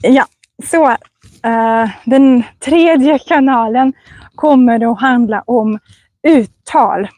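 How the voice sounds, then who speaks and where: A woman language teacher, vlogging as she walks along a forest path and speaking slowly and carefully for learners. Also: fairly high pitch, a little mellow, no room sound. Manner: slow, careful speech with many restarts. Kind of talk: slow vlog chat for language learners.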